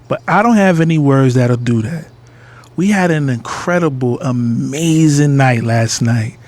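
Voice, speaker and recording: In a first-person audio drama, a man narrates and plays the lead, a cocky, lovestruck adult son telling his own story candidly and intimately through narration and dialogue. His voice is medium-pitched, darkish and close to everyday speech, a little slow.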